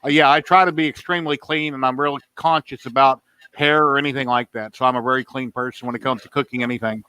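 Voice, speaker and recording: A man's voice: mid-range voice, fairly even intonation, fast, pushed and bright, clean tone, no room sound. A man in his fifties hosting a livestream, telling rambling stories in casual chat. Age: 50s. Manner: rambling storyteller. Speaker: livestream host.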